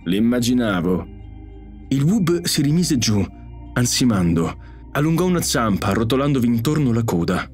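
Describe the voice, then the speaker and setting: A man narrating an audiobook story in an expressive, animated way. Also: mid-range voice, moderate pace. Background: faint music.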